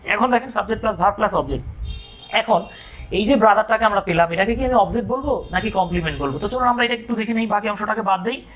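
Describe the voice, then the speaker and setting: A man's voice: sits high, quick pace, a bit bright, faint music behind. A man from Bangladesh teaching an English grammar lesson, explaining step by step and breaking in with joking asides and questions to his students.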